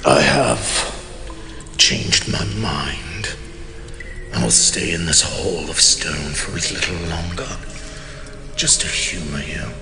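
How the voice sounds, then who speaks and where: An immortal king, acted by a man in a fantasy audio drama, haughty and bitter. His speech is slow and grandly formal, with a creaky edge and dramatic swings in pitch. Music plays behind his pompous, sardonic monologue. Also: animated, exaggerated voice. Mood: haughty, condescending. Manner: pompous, theatrical, archaic formal diction.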